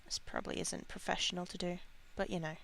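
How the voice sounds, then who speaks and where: A woman's voice: fairly low pitch, little pitch movement, fast talker, gravelly, fairly bright tone, a little hiss or hum. A woman with an Australian accent chatting casually while drawing on a live stream, playful and full of silly sound words. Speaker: art streamer.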